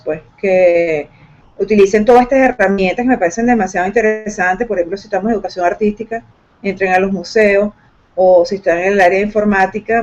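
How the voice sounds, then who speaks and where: A woman's voice: mid-range voice, darkish tone. A woman teacher speaking in an online class, hesitant with many fillers and restarts, over a video call microphone. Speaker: computer science teacher. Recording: dull lo-fi call audio.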